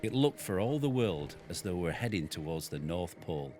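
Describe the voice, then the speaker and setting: Deep-voiced man reading a story. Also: sing-song, moderate pace, a little mellow, soft background music. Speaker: farmer reading his book aloud. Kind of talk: reading a memoir aloud.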